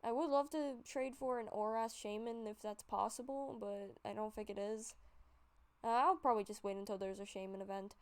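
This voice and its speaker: With a stuffy nose and a slightly high, darkish voice, a woman YouTuber shows off her game collection. Her commentary over the gameplay is rambling and casual, full of fillers and self-corrections.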